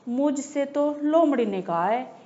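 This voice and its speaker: A woman voicing a nervous male bear who is quick to pass on the blame, in a storybook lesson. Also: sits high, lively intonation, warm tone, muffled recording, voice pushed up. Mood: defensive.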